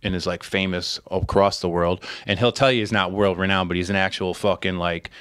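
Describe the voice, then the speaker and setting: A man with a lowish voice hosts a podcast in loose, casual talk, rambling and cursing freely. The sound is close and dry. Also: fairly even intonation, a little fast, fairly bright tone, no room sound. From Connecticut, USA. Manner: laid-back, profane, rambling. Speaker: podcast host.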